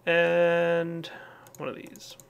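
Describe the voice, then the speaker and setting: A man's voice: a little high, monotone, extremely slow, gravelly, clear, resonant tone. A man casually commenting on his game as he plays, thinking aloud with lots of fillers. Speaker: let's play host.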